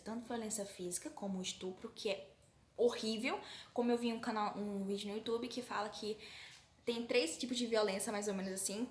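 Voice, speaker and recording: A young woman with a Brazilian accent casually retelling a Bible story to her viewers, chatty with frequent fillers. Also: mid-range voice. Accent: Brazilian Portuguese. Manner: chatty, addresses viewers as "gente", hesitant fillers. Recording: roomy recording with faint noise.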